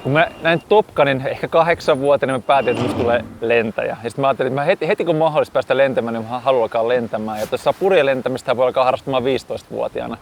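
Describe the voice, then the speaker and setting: A man's voice: mid-range voice, few pauses, noisy background. A photographer from southeastern Finland musing casually about his past, outdoors at an airfield. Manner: relaxed, musing with restarts. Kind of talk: casual reminiscing.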